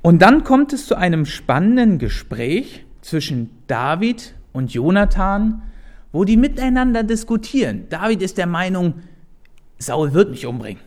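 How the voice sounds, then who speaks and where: A man telling a Bible story to his listeners, animated and speaking to them directly. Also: high-pitched, a little slow. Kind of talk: lively Bible storytelling to an audience.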